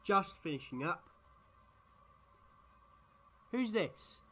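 An actor playing an eccentric, quick-witted time-travelling adventurer in a sci-fi audio drama, theatrical and whimsical. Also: male voice, high-pitched, animated, bright, forceful tone, breathy edge, exaggerated voice. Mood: soft, friendly. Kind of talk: science fiction fan audio drama acting.

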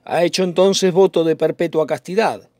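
A man reading the part of a calm, concerned young cousin in a dramatic reading of a play, earnest and advising. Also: a little high, moderate pace, no echo, clean studio sound, close to an everyday voice.

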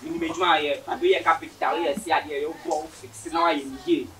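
A man's voice: fairly high pitch, steady tone, quick pace, fairly bright tone, lightly acted. A man with a West African, Ghanaian accent playing a brash young local haggling in a comedy skit. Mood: casual. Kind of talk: improvised street comedy skit. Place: outdoors in a residential yard. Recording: distant outdoor camera sound, noisy ambience.

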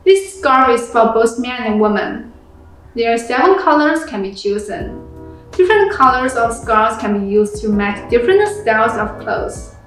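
Brief: young female product presenter, fairly high voice, scripted read, heavy room echo, music behind. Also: moderate pace. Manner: reads a script, plain and steady, with non-native phrasing. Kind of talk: reading a product review script. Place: small room indoors. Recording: very echoey room with background music.

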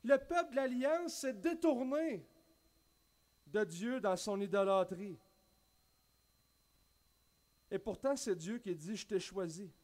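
A Québécois pastor in his thirties, from Quebec, delivers a sermon at a wooden pulpit on an indoor church stage. His voice is high and unhurried, and he gestures widely with animation, restarting often and throwing in spoken asides.

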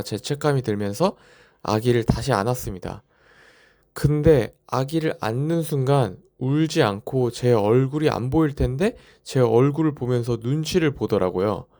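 A man's voice: mid-range voice, warm tone. A young man, a new father, narrating a parenting vlog in a reflective, personal style.

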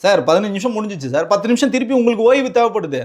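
A man with a Tamil Nadu accent argues his case in a heated political interview. His voice sits high and his words tumble out at great speed. He presses the interviewer with rhetorical question after question. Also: expressive, a little mellow. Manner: combative, rapid rhetorical questioning. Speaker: political party spokesman.

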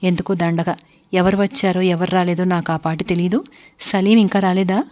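A woman's voice: on the low side, steady tone, normal speed, a little mellow, close to an everyday voice. A woman voicing a stern, cruel-edged wealthy man hosting a dinner, speaking curtly and with command. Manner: curt and commanding. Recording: dull lo-fi recording.

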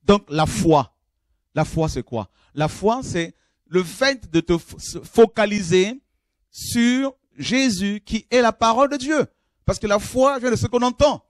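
Male preacher, high voice, dry recording, fervent sermon delivery with frequent restarts. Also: unhurried, no room sound. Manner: fervent, swings from low murmurs to high exclamations; repeats and restarts phrases while addressing listeners. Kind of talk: call-in sermon.

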